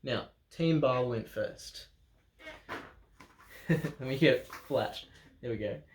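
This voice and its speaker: Reading a children's picture book aloud in a church room, an Australian man draws out his words in a medium-pitched voice and drops in playful, chatty asides. There's slight background noise and a roomy echo.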